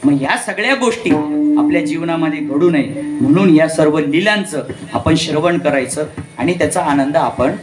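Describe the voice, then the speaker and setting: A man's voice: fairly high pitch, moderate pace, echoey room. A man preaching a devotional kirtan, telling a story and acting out its characters' voices. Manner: acts out characters' voices while telling stories.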